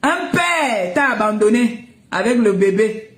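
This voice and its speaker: A woman's voice: on the high side, animated, measured pace, echoey room. A woman, ranting and scolding someone on social media, mocking and breaking into laughter. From Cameroon. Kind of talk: heated live rant.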